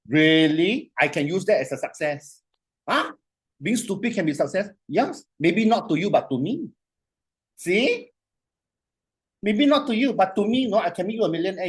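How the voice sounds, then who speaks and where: A man lecturing a class on coaching in an animated, repetitive way. He keeps checking in with the students and slows right down when he dictates a phrase. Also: high voice, breathy edge. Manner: animated, repetitive, asks "you see?" often.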